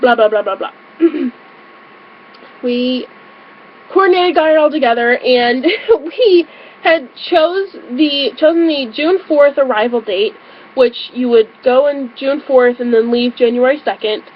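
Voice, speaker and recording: A woman's voice: high-pitched, unhurried, lo-fi sound, slight background noise. A young adult woman telling a story on her vlog in a casual way. She giggles often and fills her sentences with "um" and "like". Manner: bubbly, giggly, frequent fillers. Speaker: vlogger.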